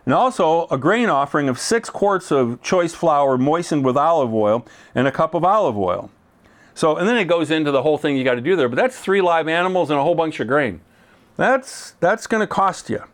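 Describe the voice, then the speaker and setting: A man giving a conversational sermon, casual and joking, often slowing down for emphasis. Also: on the high side, animated. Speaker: Bible teacher.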